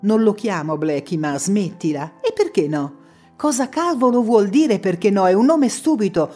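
A woman's voice: mid-range voice, big pitch swings, moderate pace, dark tone, soft background music. A woman reading an audiobook, voicing an anxious, sleepless young man who pleads and whines in panic. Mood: distressed.

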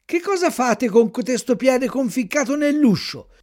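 A man voicing an unhurried, placid snail who speaks slowly and calmly. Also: very high-pitched, pitched above the performer's own voice. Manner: slow, placid, drawn-out. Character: slow, calm old snail, unhurried.

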